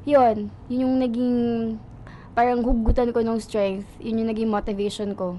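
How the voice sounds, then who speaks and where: A young Filipino woman, a talk show guest who tells her side of a story, switching between Tagalog and English and quoting others in between. Her voice sits a bit high, with faint noise behind it. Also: flat delivery, normal speed, mellow. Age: young adult. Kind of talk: casual radio talk show interview.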